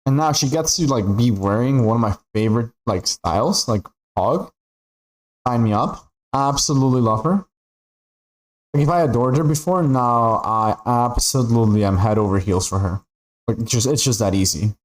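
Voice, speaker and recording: A man's voice: mid-range voice, normal speed, low-quality recording. A young man from Peru chatting casually while streaming a game, rambling and packing his talk with "like" and "right?". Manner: rambling, chatty, filler-heavy with frequent "like" and "right?". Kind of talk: casual chat while gaming.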